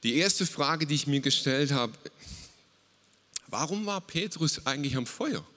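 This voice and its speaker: A man preaching a lively, casual sermon, retelling a Bible story and mixing English words into his talk. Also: a little high, measured pace, big-room sound.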